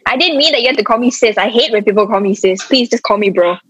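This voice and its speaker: A woman's voice: a little high, quick pace, fairly bright tone, breathy edge. A young woman with a Malaysian English accent, chatting casually with friends and repeating herself emphatically as she searches for words. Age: young adult. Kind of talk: casual chat among friends. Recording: dull lo-fi sound.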